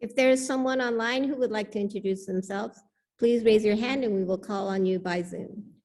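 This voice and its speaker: Speaking at normal speed in a mid-range, darkish voice, a woman leads worship at a church service, welcoming the congregation with readings and announcements at the pulpit microphone.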